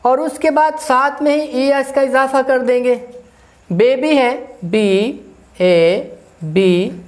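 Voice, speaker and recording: A woman teaching an English grammar lesson, explaining slowly, repeating herself and spelling words out letter by letter. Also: high-pitched, a little mellow. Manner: slow, repetitive, spells out letters one by one.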